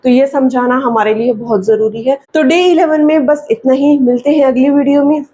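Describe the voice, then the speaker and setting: A woman with a high voice walks parents through a children's phonics lesson. She models each vowel sound by stretching it out, then asks and answers the same question again and again, checking in after nearly every line. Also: dark tone. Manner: repeats questions and answers, frequent "ठीक है" check-ins; stretches sounds slowly when modelling them. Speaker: phonics teacher.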